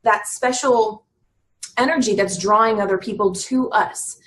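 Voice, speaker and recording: A woman in her thirties appears as a guest on a business podcast, talking earnestly and reflectively in a conversational way. Her mid-range, fairly bright voice moves at an unhurried pace, and she often restarts sentences and leans on "you know," with slight background noise.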